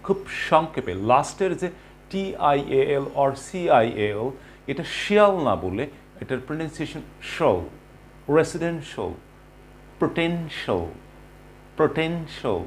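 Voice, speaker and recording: A man with a Bengali accent teaching English pronunciation, repeating each word slowly and switching between Bengali and English. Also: a little high, lively intonation, slight background noise. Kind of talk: slow pronunciation lesson.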